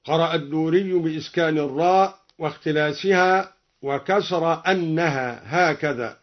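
Higher-voiced man teaching Quranic readings. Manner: switches between brisk explanation and slow melodic recitation. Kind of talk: lesson on Quranic reading variants. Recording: muffled lo-fi recording.

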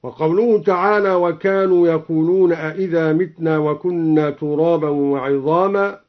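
A man's voice: a little high, steady tone, normal speed. A man teaching how verses are recited, explaining each variant plainly and then chanting the verse as an example. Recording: dull lo-fi radio broadcast.

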